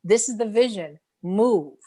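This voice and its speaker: A woman's voice: mid-range voice, animated, a little slow, mellow. A woman podcast host speaking emphatically, often restarting and repeating phrases as she makes her point. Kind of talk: casual interview chat.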